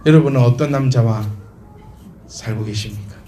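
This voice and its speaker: A man's voice: medium pitch, normal speed, mellow, soft background music. A male pastor preaching a sermon to his congregation, emphatic and full of rhetorical questions. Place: church sanctuary. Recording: roomy church hall echo.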